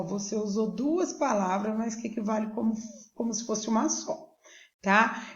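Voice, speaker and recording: A woman teacher with a Brazilian Portuguese accent gives a recorded lesson for young pupils, explaining slowly and patiently and often checking that they follow. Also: fairly high pitch. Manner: slow, patient, checks in with "tá joia?". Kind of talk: recorded remote school lesson. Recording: echoey room, dull lo-fi sound.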